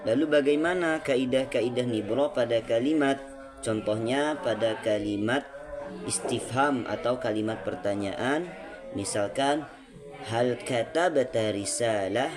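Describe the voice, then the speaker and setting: A young man from Indonesia, a student presenting a lesson, explaining step by step and repeating example phrases slowly. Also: mid-range voice. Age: young adult. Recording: music playing clearly behind.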